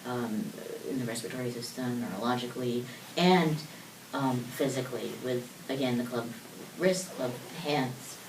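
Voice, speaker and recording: Guesting on a talk show, a talkative woman in her twenties, South Korean-born and raised in the US, answers interview questions casually and laughs a lot. Her rumbling low, slightly mellow voice moves at normal speed and sounds distant and off mic, with roomy echo and faint noise.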